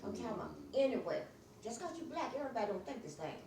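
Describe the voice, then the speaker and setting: An older woman recounts her own past with blunt, plain-spoken frankness. She is heard from a distance in an echoey room. Clear background noise sits under her voice. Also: on the high side, sing-song, racing, mellow. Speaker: church class participant. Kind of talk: personal storytelling. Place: church meeting room.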